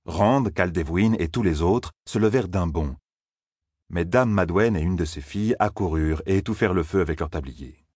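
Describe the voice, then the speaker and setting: A male audiobook narrator reading a fantasy tale at a measured pace. His voice is very deep with a husky edge, and the recording is dry and close. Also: a little mellow, no room sound. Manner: measured storytelling.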